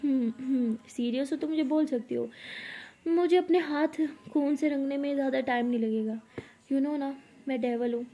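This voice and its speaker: Woman voicing a tough young woman, blunt, bossy, high voice, mellow tone, storybook role. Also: normal speed. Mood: teasing defiant. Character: tough, strong young woman, self-styled devil.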